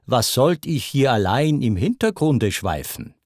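A man's voice: mid-range voice, sing-song, measured pace, darkish tone, dry recording, studio quality. Ambitious centaur for a verse epic, voiced by a man, wondering and scheming.

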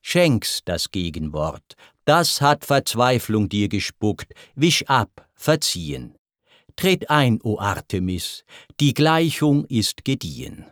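A man reading a verse poem, voicing the stern, unyielding god Apollo in grave, measured speech. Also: lowish voice, sing-song, dry recording, clean studio sound. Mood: forgiving.

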